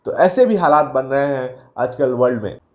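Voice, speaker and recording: A man's voice: mid-range voice, animated, normal speed, a little mellow. A man hosting a career video, explaining things to his viewers in a chatty way and mixing in English terms. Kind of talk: casual explainer talk to viewers.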